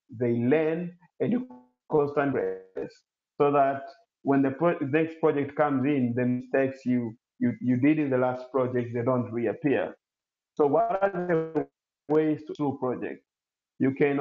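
A Swahili-speaking man from Tanzania, the CEO of an incubator, gives a webinar and fields questions, speaking haltingly with lots of fillers and restarts. His voice is mid-range. He's on a laptop mic over a video call, and the audio sounds roomy and dull.

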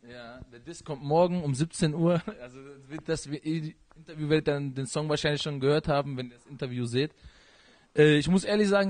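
A young man from Iran, born there and raised in this country, answers interview questions into a handheld mic. He rattles along quickly in loose run-on sentences full of fillers, with a slightly high voice. The sound is close and dry. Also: no room sound. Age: young adult. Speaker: rapper being interviewed. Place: living room at home, indoors.

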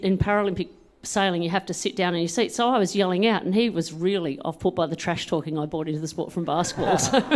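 A lively woman in her forties, raised in New Zealand, answers questions into a handheld mic on an event stage. Her voice sits a little low for a woman, and she talks plainly and laughs easily. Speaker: Paralympian and politician, honoree. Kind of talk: stage interview.

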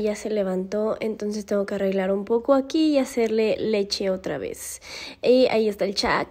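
A woman's voice: mid-range voice, darkish tone. A woman, vlogging casually to camera about her pets, playful and often squealing and laughing. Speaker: pet vlogger. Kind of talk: casual vlog talk to camera.

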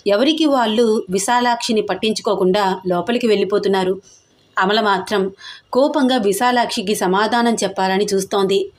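A woman narrating a scripted family audio story in a steady, expressive way. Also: medium pitch, moderate pace.

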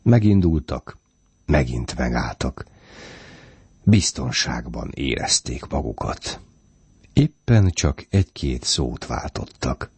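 A man reading a short story aloud as audiobook narration, calm and measured. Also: a bass voice, slightly rough, no room sound. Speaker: audiobook reader.

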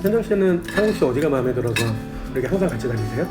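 A man's voice: medium pitch, very animated, racing, over music. A man casually putting teasing questions to others as an interviewer.

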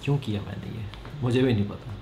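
A man's voice: mid-range voice, quick pace, dark tone. A young man talking to camera in a dry, matter-of-fact way, explaining a joke to his viewers. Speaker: vlogger. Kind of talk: joking narration to camera. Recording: roomy with background noise.

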